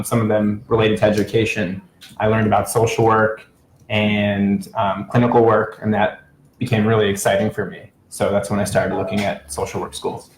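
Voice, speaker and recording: A man on a student panel, answering in a relaxed, reflective way. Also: on the low side, a little hiss or hum. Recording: echoey room.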